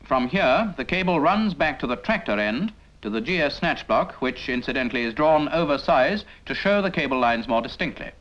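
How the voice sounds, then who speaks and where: Medium-pitched and animated, a British man narrates at a moderate pace with hardly any pauses. His scripted 1950s military training film speaks straight to the trainee in an instructional, didactic manner full of rhetorical questions. The recording is a dull 1950s film soundtrack.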